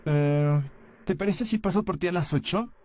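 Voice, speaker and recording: A performer voicing a gentle, soft-spoken male puppet in a fan dub, talking in a slow, soothing way. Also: mid-range voice, close to an everyday voice.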